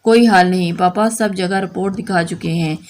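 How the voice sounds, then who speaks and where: A woman's voice: lowish voice, fairly even intonation, normal speed, a little mellow, lightly acted. A woman voicing an emotional, lovesick young man in an audio novel reading, speaking earnestly and pleadingly. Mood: sorrowful.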